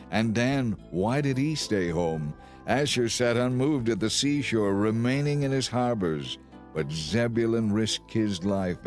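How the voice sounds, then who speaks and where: In a solemn, measured, dramatized reading, a male audiobook narrator performs scripted Bible narration in a lowish, slightly mellow voice.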